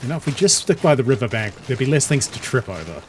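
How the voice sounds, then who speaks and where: A man's voice: medium pitch, big pitch swings, quick pace, a little hiss or hum. A man streaming a game, giving wry, sarcastic casual commentary and swearing freely.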